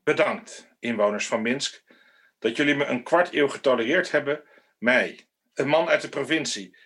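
An actor playing a defiant, threatening autocratic head of state in a radio drama, speaking with contempt. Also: male voice, medium pitch, moderate pace, fairly bright tone, breathy edge. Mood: sarcastic. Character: aging male autocratic president, defiant and menacing.

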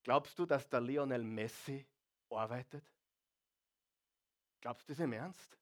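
A man preaching a sermon to a congregation, throwing out rhetorical questions and jokes, swinging between loud and quiet. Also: mid-range voice, slow pace. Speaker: pastor.

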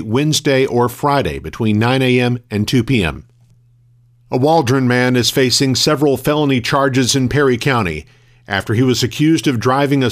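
Male local news anchor, mid-range voice, steady formal announcer read from a script. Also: medium pitch.

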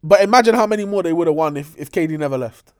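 Give me a high-pitched young London man talking fast and slangy in a casual, emphatic sports debate. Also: animated, clear, resonant tone. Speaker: sports talk show co-host. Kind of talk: casual basketball debate among friends.

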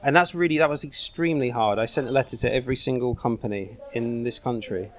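A man's voice: medium pitch, fast talker. A man, a laid-back guest telling his story in a casual interview with many fillers. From United Kingdom.

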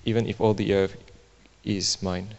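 A man's voice: sits low, flat delivery, measured pace, gravelly, darkish tone, lo-fi sound. A man interpreting a sermon line by line into English, copying the preacher's emphasis and making small grammar slips. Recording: reverberant church hall.

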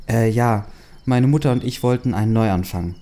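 A man's voice: medium pitch, normal speed, dark tone, lightly acted. A man reading the lines of a shy, clumsy sixteen-year-old schoolgirl in a hesitant, plain reading voice with fillers. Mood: flustered.

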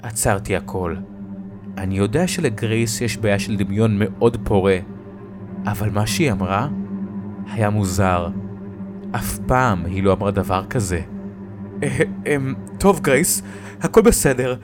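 A man telling a first-person horror story in a measured way, with dramatic pauses. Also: lowish voice, music in the background.

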